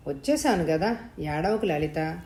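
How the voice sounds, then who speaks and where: A woman reading the lines of a young husband in an audio story, soft and soothing. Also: lowish voice, moderate pace, a little hiss or hum, lightly acted. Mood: tender. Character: young husband, tender and consoling. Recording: roomy echo.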